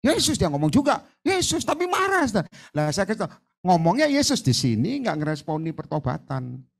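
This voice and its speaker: A man evangelist preaching a sermon, addressing the congregation emphatically and switching between loud exclamations and hushed storytelling. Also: sits high, wildly swooping pitch, a little fast, gravelly.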